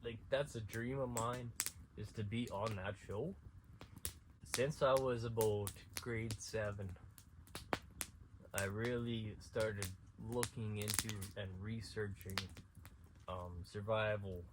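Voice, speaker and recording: A man's voice: on the low side, steady tone, slow, noisy background. A man from central Saskatchewan telling stories to his camera in a casual, rambling way, with restarts and chuckles. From central Saskatchewan, Canada. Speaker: outdoor vlogger. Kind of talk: casual storytelling. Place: outdoors at night at an abandoned school.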